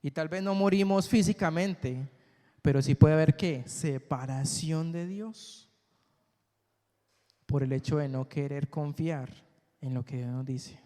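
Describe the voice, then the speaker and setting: A man preaching a sermon, asking the congregation questions and answering them, swinging from loud high peaks to soft low endings. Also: unhurried. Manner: call-and-response questions to the congregation. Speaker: pastor. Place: church. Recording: long church hall reverb.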